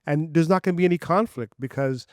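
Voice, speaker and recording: This Canadian podcast co-host is a man and the parent of a young child, speaking quickly in a fairly high, slightly mellow voice. He's emphatic and opinionated in a casual chat and spells words out. The sound is clean studio quality with no echo.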